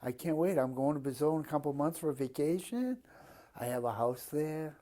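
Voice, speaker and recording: A man's voice: fairly high pitch, animated, brisk, mellow. A man in his fifties with a Boston accent, chatting casually and bluntly as he answers an interviewer's questions. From Boston area, Massachusetts, USA. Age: 50s. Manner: blunt, plain-spoken, given to swearing. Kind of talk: casual chat.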